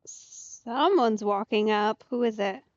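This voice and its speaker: A woman offers casual let's play commentary, musing and reacting aloud in short remarks, her voice on the high side and slow in pace. The stream audio is slightly muffled, with soft game music behind her.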